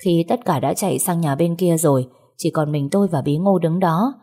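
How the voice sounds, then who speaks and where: A woman reads a first-person family drama aloud in a steady storytelling manner. Her voice sits low, with a mellow warmth and a husky, breathy edge. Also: moderate pace. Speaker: narrator. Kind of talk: first-person audiobook narration.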